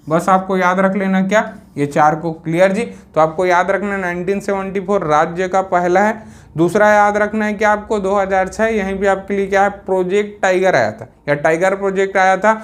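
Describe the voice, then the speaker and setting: A man with a high, bright voice teaches an exam coaching class. He drills facts quickly and energetically. He keeps throwing out questions and answering them himself. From Chhattisgarh, India. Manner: asks and answers his own questions, energetic. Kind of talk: fast classroom lecture with quiz-style questions.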